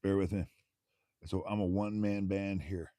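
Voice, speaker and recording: A man's voice: low voice, steady tone, normal speed, dark tone, no room sound. A man hosting a solo stream, reading a bird textbook aloud with casual, rambling commentary, laughing often and stumbling over words.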